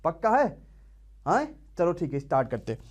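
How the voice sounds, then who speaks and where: A man's voice: a little high, very animated, fairly quick, highs cut off. A young man teaching an online exam-prep class, quizzing students and drilling answers call-and-response style.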